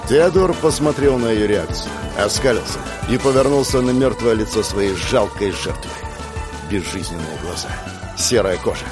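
A man reads a dramatic action story aloud, delivering it in short, tense phrases at a mid-range pitch. Background music runs steadily beneath his narration. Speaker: audiobook narrator.

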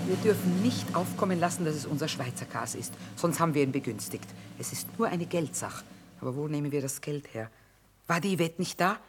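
A woman's voice: low voice, lively intonation, brisk, background noise. A woman acting in a radio drama as a tough, brusque, shrewd mother who trades from a wagon in wartime. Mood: worried, calculating. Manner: brusque, haggling, commanding.

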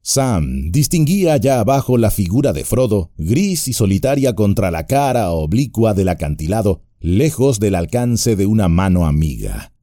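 A man reading a fantasy audiobook in a measured way, with dramatic pauses. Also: lowish voice, sing-song, warm tone, no room sound, clean studio sound. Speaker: audiobook narrator. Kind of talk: scripted narration.

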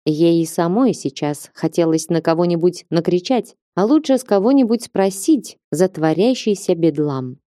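A woman reading an audiobook with even, measured narration. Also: fairly low pitch, no echo, studio quality. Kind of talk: scripted narration.

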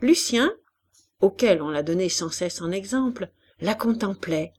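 A woman reading a classic novel aloud as an audiobook, with expressive, varied delivery. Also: mid-range voice, measured pace, slightly rough. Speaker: audiobook reader. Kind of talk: expressive literary narration.

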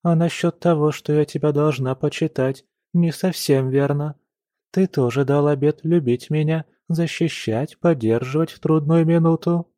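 A man's voice: on the high side, moderate pace, dry recording, studio quality, pitched above the performer's own voice, lightly acted. A man voicing a cold, menacing noblewoman. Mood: icy, menacing. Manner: quiet, menacing, commanding. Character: cold, domineering noblewoman, a young wife. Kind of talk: audiobook character voice.

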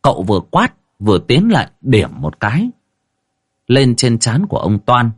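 A man's voice: medium pitch, moderate pace, slightly rough, dry recording, clean studio sound. A man narrating a ghost story dramatically and acting out every voice. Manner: animated, acts out all the voices.

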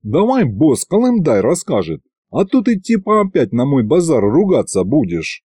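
A man's voice: fairly high pitch, wildly swooping pitch, moderate pace, warm tone, husky, no room sound, studio quality, voice pushed up, heavily acted. A man voicing a cocky male imp who plays at being tsar, talking in swaggering street slang.

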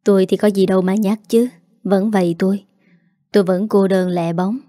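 A woman's voice: mid-range voice, fairly even intonation, moderate pace, warm tone, dry recording, studio quality, natural voice. A woman voicing a lonely, faithful middle-aged man in a spoken story, without changing her voice much. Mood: wistful.

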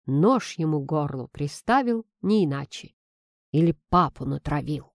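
A woman's voice: low-pitched, animated, moderate pace, dry recording, studio quality, voice pushed down. A woman reading an audiobook, voicing a blunt, teasing young female friend who talks sardonically and earnestly. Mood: sardonic. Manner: sardonic, pointed, then earnest.

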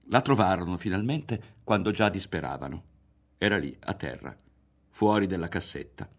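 A man reading a literary novel aloud in a measured, expressive way, often dropping to a hushed tone. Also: sits low. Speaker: audiobook reader. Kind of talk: literary audiobook narration. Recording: faint music underneath.

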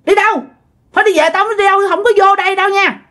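A woman voicing a stubborn, suspicious old grandmother who talks in a gruff, dismissive way. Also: very high-pitched, fairly even intonation, racing, a bit bright, pitched above the performer's own voice.

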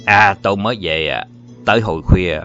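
A man's voice: deep voice, normal speed, a bit bright. A man voicing a boastful, swaggering grown man in an audiobook, talking in a jovial Southern Vietnamese accent. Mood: playful. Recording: muffled with faint music.

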